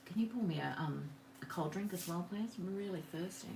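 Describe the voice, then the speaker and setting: Woman, rambling live craft host, lowish voice, faint hiss, camera on the desk. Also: fairly quick, vocal fry, darkish tone. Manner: chatty, rambling, greets viewers by name. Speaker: craft demonstrator hosting a live session. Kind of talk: casual live craft demo chat. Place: home craft table. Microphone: camera on the work table.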